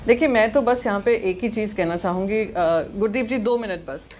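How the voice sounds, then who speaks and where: A woman speaking as a party spokesperson in a heated TV debate, sharp and sarcastic as she rebukes an opponent. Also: mid-range voice, normal speed, slight background noise.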